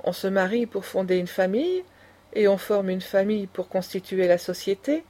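A proud, scornful old grandmother of noble taste, lecturing with passion, as a woman reads her. The voice is mellow and dark in tone, with a middle pitch. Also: moderate pace, natural voice. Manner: impassioned, lecturing.

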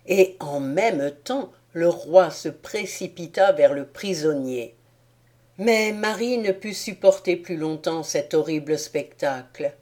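A woman reading an audiobook tale in a measured storytelling manner. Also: low voice, a little mellow. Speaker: audiobook reader. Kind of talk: scripted narration.

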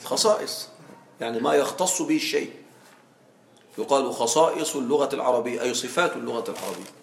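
A man's voice: mid-range voice, fast, gravelly. A man teaching Arabic grammar in a classroom, explaining patiently and often checking that students follow. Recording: echoey classroom, faint background noise.

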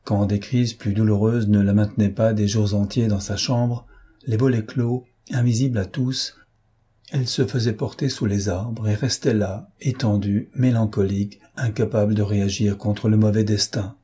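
A man reading a classic novel aloud as an audiobook narrator, with measured, steady storytelling. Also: fairly low pitch, slightly rough. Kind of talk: scripted narration.

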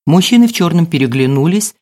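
A woman narrating a novel as an audiobook in a measured storytelling manner. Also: low voice, animated, mellow. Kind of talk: scripted narration.

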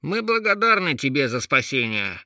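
Мужчина озвучивает напыщенного вспыльчивого короля, который громко кричит и бушует. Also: male voice, medium pitch, big pitch swings, moderate pace, no echo, clean studio sound, voice pushed up, full character voice. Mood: approving. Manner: shouting, blustering. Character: pompous hot-tempered male king. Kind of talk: audiobook character voice.

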